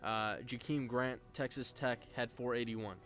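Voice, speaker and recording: A man's voice: mid-range voice, steady tone, a little slow, a bit bright, soft background music. A young man hosting a football draft show, giving a casual scouting breakdown with frequent fillers and restarts. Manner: many fillers and restarts, conversational. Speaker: football draft analyst host.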